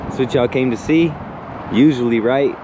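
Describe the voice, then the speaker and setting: A young man with a medium-pitched voice talks at normal speed to his viewers, vlogging from his car and outdoors at a ballfield. His casual chat is slangy and laid-back, and loud road and outdoor noise fills the recording.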